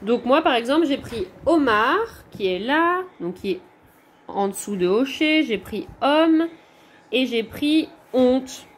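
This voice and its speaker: French woman, primary teacher; slow, patient, explains step by step, high voice. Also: animated, a little hiss or hum. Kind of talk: recorded homework correction for pupils.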